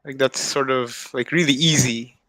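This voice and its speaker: Over a video call mic, a young adult man, a math student appearing as a guest speaker, casually explains ideas, hedging with fillers and checking in with "right?". His medium-pitched voice is steady, bright and forceful at a moderate pace, with no room sound but poor audio.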